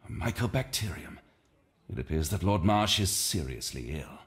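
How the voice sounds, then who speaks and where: In a video game, a man plays an earnest, concerned Victorian gentleman doctor, Holmes's companion, who speaks formal English in a studious mood. His voice sits low, sounds expressive, and moves at a moderate pace.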